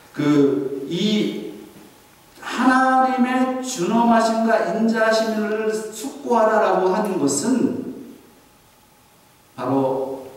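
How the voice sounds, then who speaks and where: Animated male pastor in an echoey hall. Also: high-pitched. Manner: animated, asks the congregation many rhetorical questions. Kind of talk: sermon. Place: large church sanctuary. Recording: echoey church hall from far off.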